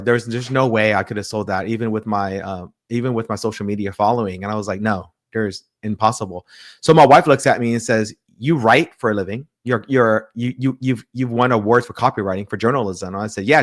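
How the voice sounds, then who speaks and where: Pastor, male, guest in a casual interview, storytelling with lots of quoted back-and-forth, stumbles and restarts. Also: lowish voice. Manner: animated retelling with quoted dialogue and frequent restarts.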